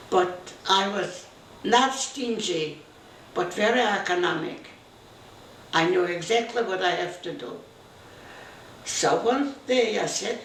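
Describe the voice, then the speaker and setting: A grandmother in her 90s, originally from Eastern Europe in what is now Belarus, reminisces about her life during an interview at her Montreal home. Her English is halting, broken and repetitive, she quotes her husband's words, and her voice is lowish and creaky. The distant camera mic captures a roomy sound with faint noise.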